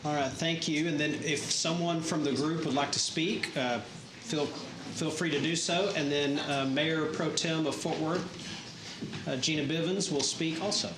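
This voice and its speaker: A man's voice: fairly high pitch, fairly even intonation, measured pace. A man presiding over a public government meeting, speaking in procedural terms as its chair. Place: government meeting chamber, indoors. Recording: echoey, noisy public meeting room.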